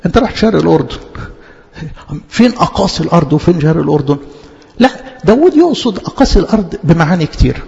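A man's voice: fairly high pitch, sing-song, rapid-fire, gravelly, darkish tone, long reverb tail, dull audio. A man with an Egyptian accent preaching a conversational sermon, speaking straight to the congregation and repeating key words.

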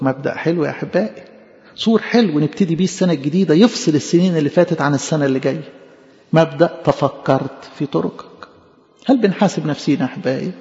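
This preacher has a fairly high, gravelly voice with a warm tone and an Egyptian Arabic accent. Impassioned and pleading, he repeats phrases to drive his sermon home, captured in an echoey hall with dull, lo-fi sound.

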